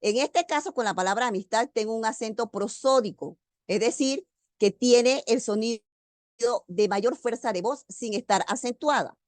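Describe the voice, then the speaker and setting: A woman's voice: on the high side, normal speed, dry recording. Woman, teacher, online lecture, stresses key words, dry close sound, video call.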